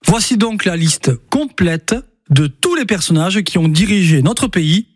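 A man presenting a chatty local history chronicle on the radio, in a lively storytelling manner. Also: sits high, measured pace, husky, no room sound, clean studio sound.

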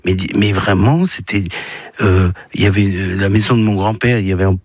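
Low-voiced, halting man in his 60s. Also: no room sound. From Paris region, France. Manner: halting, restarts and repeats words often. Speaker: guest, filmmaker. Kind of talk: casual radio interview.

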